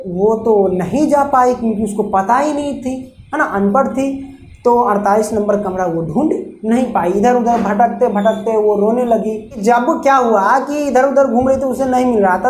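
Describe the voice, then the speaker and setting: A woman teacher retelling a textbook story for her class in a chatty way, repeating points, asking herself questions and acting out the characters' lines. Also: a little high. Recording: echoey room with faint ambient noise.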